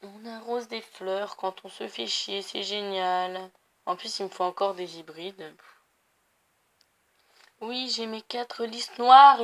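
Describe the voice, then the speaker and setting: A young woman of Portuguese family background chatting casually while playing a video game, rambling with many fillers and self-corrections. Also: mid-range voice. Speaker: gaming youtuber. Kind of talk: casual gameplay commentary.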